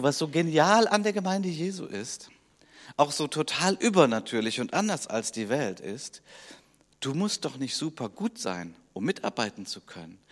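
Animated preacher in a reverberant hall. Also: male voice, a little high. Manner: animated preaching, dropping to soft near-whispers for emphasis. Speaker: pastor. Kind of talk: sermon.

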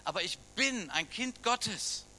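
Middle-aged German pastor, man, chatty sermon full of questions; bright, slightly high voice. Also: expressive, slow pace, slight background noise. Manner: conversational, asks the congregation questions.

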